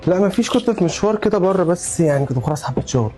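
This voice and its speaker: A man's voice: sits high, animated, very fast, warm tone, faint music behind. A man playing a young husband home from abroad, speaking urgently and reassuringly. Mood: probing. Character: young husband back from abroad, protective son.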